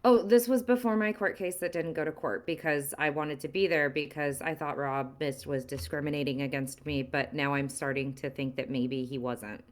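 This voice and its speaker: A woman's voice: low voice, steady tone, normal speed, hardly any pauses, close to an everyday voice. A woman in a live game roleplay, voicing a flustered, apologetic witness who talks with hesitant fillers. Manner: hesitant, apologetic, says she sounds sarcastic.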